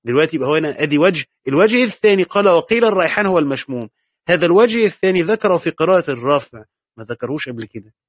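A man's voice: fairly high pitch, animated, racing, no room sound, clean studio sound. A man with an Egyptian Arabic accent teaching a lesson on Quran commentary, patiently asking and answering his own questions and repeating key points. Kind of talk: classroom lecture.

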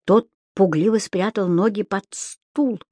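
A woman narrating a children's storybook with an expressive reading. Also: medium pitch, measured pace, no echo, clean studio sound. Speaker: audiobook narrator.

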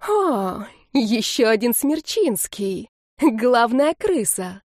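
A woman acting out a drunk old grandmother, half-mad with grief, who screams venomous curses in an audiobook scene. The voice is dark and mellow and sits close to the mic in a dry, dead room. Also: fairly high pitch, big pitch swings, slow, no echo, pitched above the performer's own voice, full character voice. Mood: screaming hatred. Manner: shrieking curses, hateful.

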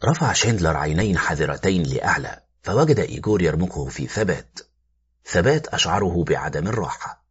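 Deep-voiced man narrating a suspense story. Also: big pitch swings, brisk, breathy edge. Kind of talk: dramatic audiobook narration. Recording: muffled with faint music.

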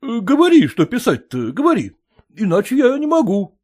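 A man voicing an educated gentleman who firmly and wearily refuses a request. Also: very high voice, huge pitch swings, normal speed, slightly rough, pitched above the performer's own voice, full character voice. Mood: refusing. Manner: refusing, exasperated. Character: educated gentleman, reluctant and firm.

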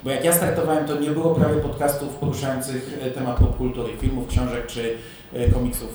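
An easygoing man podcaster rambles through a relaxed panel chat. His voice carries across a very echoey room to a distant recorder, with faint hiss behind it. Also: mid-range voice, fairly quick.

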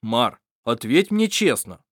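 A reader voicing a calm man who speaks low and slow, in an audiobook. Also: no room sound, studio quality.

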